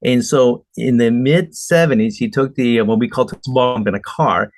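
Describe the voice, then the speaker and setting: A middle-aged Argentine entrepreneur, appearing as a guest, answers interview questions conversationally with earnest, emphatic stories. His mid-range voice moves at a moderate pace, with no room sound.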